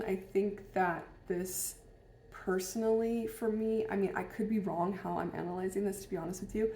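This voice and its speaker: Woman vlogger, mid-pitched, reflective and hesitant storytelling, roomy room sound. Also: slight background noise. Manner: musing, hesitant, many fillers and restarts. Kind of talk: casual personal storytelling. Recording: roomy echo.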